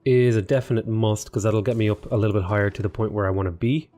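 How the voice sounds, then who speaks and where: Quick-paced and mellow, this man's voice sits on the low side with fairly even intonation as he rambles through a strategy game in a casual let's play. The gaming YouTuber thinks aloud, talks to his game units and sounds sniffly and slightly unwell, with faint music in the background.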